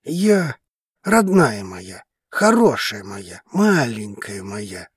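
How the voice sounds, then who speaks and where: A devoted male dragon lover with a low, husky voice that swings widely in tone, played by a woman narrator. He speaks slowly and softly, almost pleading, in a close, dry sound. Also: sing-song, dry recording, heavily acted. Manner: low, slow, hushed and pleading. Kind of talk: audiobook character reading.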